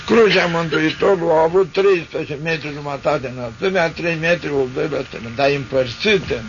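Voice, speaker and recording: An older man, an Orthodox priest, telling listeners a vivid, rambling story with many repetitions, on a dull lo-fi recording. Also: on the high side. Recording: dull lo-fi recording with faint noise.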